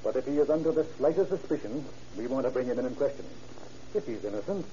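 Actor as a brisk police chief, very muted tone. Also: male voice, mid-range voice, expressive, dark tone, lightly acted. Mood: firm, official. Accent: American. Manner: authoritative, methodical questioning. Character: brisk, businesslike American police chief questioning witnesses. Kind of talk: old-time radio crime drama acting. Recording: muffled, noisy old radio recording.

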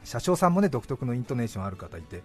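A man's voice: mid-range voice, very fast, soft background music. A male radio host in casual studio chat, reading out listener letters and acting out the quoted lines. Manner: lively, reads letters with playful voiced quotes. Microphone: studio microphone.

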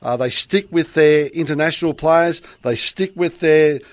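A man's voice: on the high side, moderate pace, dry recording. An Australian man co-hosting a radio sports show, chatty and enthusiastic. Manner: chatty, enthusiastic, says mate a lot. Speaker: radio co-host. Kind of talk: casual radio chat.

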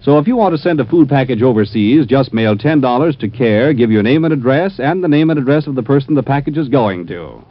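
A man making formal radio announcements, heard from an old transcribed broadcast disc, with a crisp, emphatic delivery. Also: mid-range voice, lively intonation, fairly quick, hardly any pauses, muffled recording.

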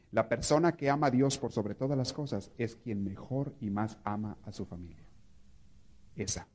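A priest with a medium-pitched, slightly rough voice teaches a prayer course to a live group. He tells stories with animation and puts questions to his listeners.

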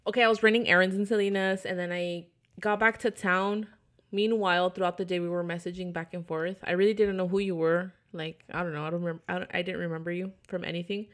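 A woman's voice: on the low side, steady tone, fairly quick. A woman hosting a podcast in casual chat, rambling and swearing freely as she tells a story. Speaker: podcast host.

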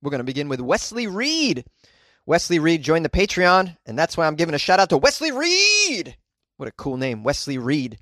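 A man's voice: fairly high pitch, huge pitch swings, normal speed, sharp tone, dry recording, clean studio sound. A male comedian hosting a podcast from inside a closet, riffing on odd news in a wry, rambling, over-caffeinated way. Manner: wry, rambling, self-described overly caffeinated. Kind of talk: jokey solo news commentary.

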